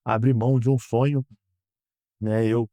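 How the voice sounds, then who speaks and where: Man, 30s, from Brazil; earnest, measured interview guest, middle voice, dry studio mic. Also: mid-range voice, flat delivery, mellow, no echo. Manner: earnest, measured, frequent "né?" tags. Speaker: guest, politician. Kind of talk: interview answers. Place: podcast studio.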